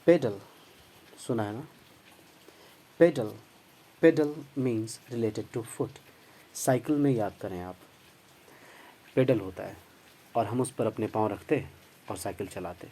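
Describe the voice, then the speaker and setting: Husky and mellow in the mid range, a man teaches grammar in Hindi with English terms as an English teacher. He explains patiently, spelling words out letter by letter and giving their pronunciation.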